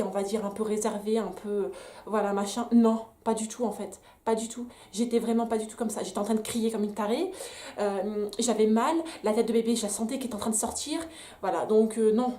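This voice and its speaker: A woman's voice: on the high side, dark tone. Emphatic young woman vlogger in echoey room. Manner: candid storytelling to the camera; emphatic, with many restarts. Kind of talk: story time vlog.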